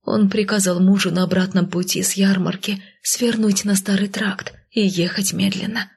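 A woman voicing a frightened, gentle undead young mother who speaks softly and beseechingly. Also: medium pitch, fairly even intonation, moderate pace, creaky, husky. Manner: soft, whispered and beseeching.

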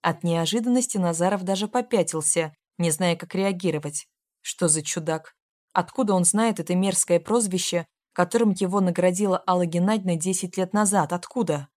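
A woman narrating a novel in a measured, expressive reading. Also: on the low side. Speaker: audiobook narrator. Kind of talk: scripted narration.

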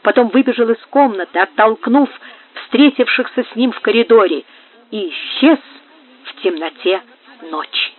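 A woman's voice: on the high side, moderate pace. A woman reading a period novel aloud as an audiobook, telling it dramatically. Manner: dramatic storytelling. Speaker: audiobook reader. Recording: tinny phone-like sound.

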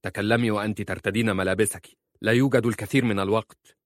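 A man's voice: on the low side, steady tone, quick pace, no echo, clean studio sound, lightly acted. A man voicing a stern, impatient husband who gives curt orders. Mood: commanding. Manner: curt and commanding.

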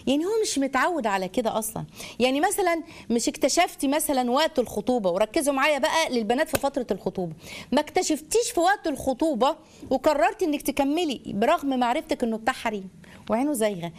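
Fast-talking Egyptian woman giving religious advice. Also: fairly high pitch. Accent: Egyptian Arabic. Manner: animated, asks rhetorical questions, addresses listeners as daughters. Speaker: Islamic family lecturer. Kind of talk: religious advice lecture to wives.

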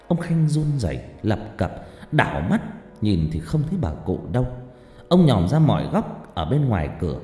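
A man telling a horror story with a dark, mellow voice and a lively, swooping delivery. His narration is dramatic, moving between tense and hushed. A long hall-like reverb hangs on every word, with faint music behind. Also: lowish voice.

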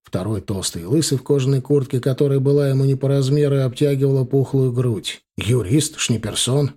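A man reading a first-person audiobook story in a cool, measured voice. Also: medium pitch, fairly even intonation, dark tone. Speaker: audiobook narrator.

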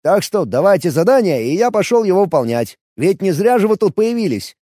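A man's voice: high voice, very animated, a little fast, warm tone, no echo, studio quality, voice pushed up. A man voicing a pushy, cheeky young male gamer hero in an audiobook. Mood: insistent. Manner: insistent, cheeky. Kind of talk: audiobook character voice.

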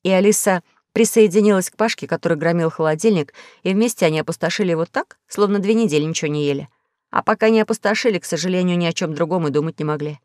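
Женщина читает детскую аудиокнигу. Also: female voice, fairly low pitch, fast, darkish tone, no room sound, studio quality. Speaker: audiobook reader. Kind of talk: scripted narration.

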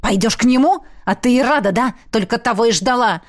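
A woman's voice: mid-range voice, animated, brisk, natural voice. A woman voicing a jealous, hot-tempered young male student in an audiobook, pleading and hurling accusations. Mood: jealous, angry. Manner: pleading then shouting accusations.

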